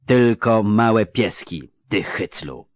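A man's voice: fairly low pitch, sing-song, normal speed, no echo. A man voicing Yennefer, a defiant panting sorceress. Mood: panting scorn. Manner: panting, scornful. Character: defiant battered female sorceress, scornful.

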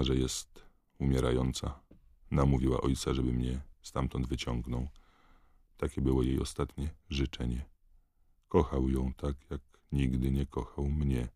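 A man voicing a young male prisoner who speaks in a dead, emotionless monotone. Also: rumbling low, no room sound, clean studio sound. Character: young male prisoner under a truth potion.

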